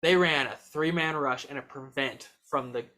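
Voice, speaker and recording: A young man co-hosting a podcast, talking sports in a fast, excitable, emphatic way. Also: medium pitch. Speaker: podcast co-host. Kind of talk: casual sports chat.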